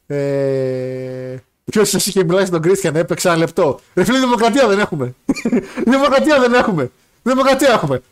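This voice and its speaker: A man banters through a casual wrestling chat show. He reads out viewer messages with quick jokes and bursts of laughter. His talk stays lively and playful. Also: high-pitched. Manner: animated, laughing, joking banter. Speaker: podcast co-host.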